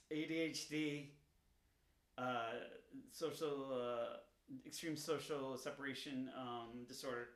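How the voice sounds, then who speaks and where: Guy doing a heartfelt vlog, high bright voice, keeps repeating himself, kinda echoey room. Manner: earnest, repetitive pleading. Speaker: vlogger. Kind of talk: personal awareness message.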